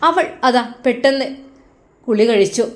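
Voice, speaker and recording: A woman with a Malappuram accent narrating a family story in a steady, expressive storytelling voice. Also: a little high, measured pace. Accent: Malappuram Malayalam.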